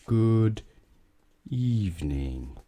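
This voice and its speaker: A man voicing a placid, polite storybook character who talks extraordinarily slowly, drawing out one word at a time. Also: lowish voice, big pitch swings, dark tone, exaggerated voice. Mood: formal, plodding.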